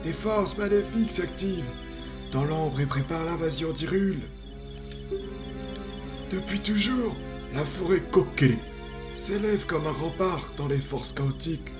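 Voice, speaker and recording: A man's voice: a little high, measured pace, pauses often, music in the background, voice pushed up, lightly acted. A man voicing an ancient, solemn tree guardian of the forest from a video game, declaiming in a strained elderly voice. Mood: grave warning. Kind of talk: improvised video game dubbing.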